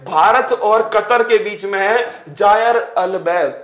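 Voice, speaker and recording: A man's voice: high-pitched, slow, a bit bright. A man teaching an exam-prep lecture with energy, firing rhetorical questions and calling his students playful pet names. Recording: echoey room.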